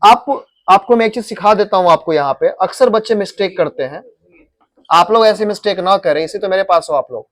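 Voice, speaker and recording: A man's high, slightly bright voice moves a little fast as he teaches English grammar to a coaching-classroom class. He has an Indian accent and mixes Hindi with English, repeating words and drilling pronunciation.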